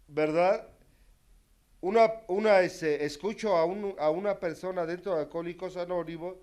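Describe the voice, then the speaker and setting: A man telling his recovery story to a group, candid and self-mocking, his loudness rising and falling sharply. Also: high voice. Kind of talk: testimonial talk to a group.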